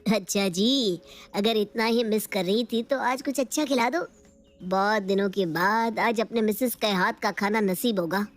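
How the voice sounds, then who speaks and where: A woman's voice: medium pitch, a little slow, natural voice. A woman voicing a cheerful, hungry young husband in a cartoon story, playful in manner.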